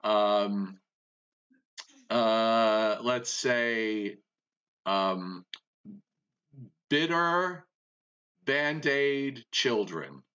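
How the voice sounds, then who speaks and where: A man co-hosts over a bad remote connection that breaks up, his muffled, lo-fi voice arriving with lag. He talks slowly and with a lively swing in pitch, bright in tone. He teases as he quizzes and often stops to restart a sentence. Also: clean tone. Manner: teasing quizmaster, halting with many restarts. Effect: bad connection, breaking up with delay. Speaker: co-host. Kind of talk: casual on-air chat, running a guessing game.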